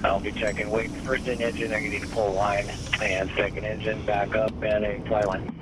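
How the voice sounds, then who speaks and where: A man with a low voice gives a terse fire command report over two-way radio. Clear background noise sits behind his procedural delivery. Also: little pitch movement, moderate pace. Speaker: fire battalion chief. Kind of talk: radio incident size-up. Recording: noisy fireground radio traffic.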